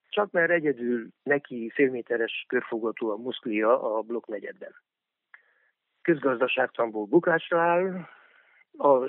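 A man's voice: mid-range voice, no echo, narrow, tinny audio. A man giving political radio commentary in a sarcastic, mocking tone.

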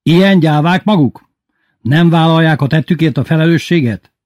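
A man's voice: fairly high pitch, darkish tone, no room sound, clean studio sound, pitched above the performer's own voice, lightly acted. A man voicing a furious, pompous male school principal and party official who bellows and stumbles over his words. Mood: shouting, ranting.

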